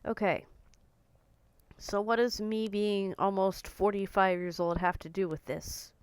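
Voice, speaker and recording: A vlogger in her forties talks casually to camera, blunt and outspoken, her voice slightly croaky and hoarse. She speaks at a medium pitch in a level, darkish tone, a little slowly, with no room sound.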